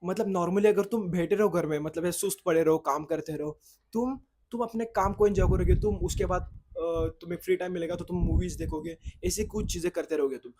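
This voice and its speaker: Sitting high in pitch, this young man's voice is darkish and a little fast, with some hiss or hum. A content creator and first-language Marathi speaker, he talks casually to camera outdoors in the sun at a boys' hostel, rambling, losing his thread, and self-correcting.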